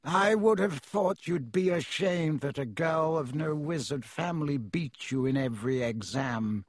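A man voicing a cold, haughty aristocratic wizard father with a slow, disdainful, clipped delivery and a slightly husky tone. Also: a little high, no room sound, clean studio sound.

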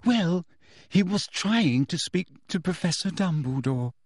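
An earnest storybook schoolgirl, performed by a man, pleads in a high voice. She sounds anxious and fretful, halting between phrases, with very animated pitch. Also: no echo, clean studio sound. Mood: tearful.

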